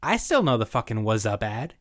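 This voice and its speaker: A man's voice: on the low side, very animated, a little fast. A young man co-hosting a podcast in a casual, informal recap chat, given to swearing and paraphrasing dialogue. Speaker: podcast co-host.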